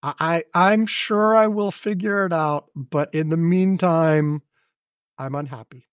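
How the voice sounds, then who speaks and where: A man's voice: fairly high pitch, measured pace, clean tone, no room sound, clean studio sound. A man co-hosting a casual podcast chat, rambling in a wry, self-mocking way and swearing offhandedly. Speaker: podcast co-host.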